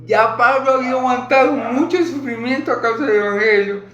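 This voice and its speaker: A man preaching a sermon on a Bible passage in an emphatic style, asking rhetorical questions and clearing his throat often. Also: extremely high pitch, steady tone, fairly quick, fairly bright tone, echoey room, slight background noise.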